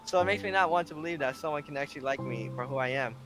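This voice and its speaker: A man's voice: fairly high pitch, rapid-fire, fairly bright tone, natural voice, low-quality recording. A man reading the lines of a shy, self-critical bookish teenage girl in his own plain voice. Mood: downcast. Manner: plain reading of dialogue off the screen. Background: game music.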